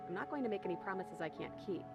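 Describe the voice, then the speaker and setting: A woman's voice: mid-range voice, lively intonation, very fast, lightly acted. A woman voicing a chained young princess in a video game, guarded and wry, with game music behind her. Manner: dry, wry, teasing.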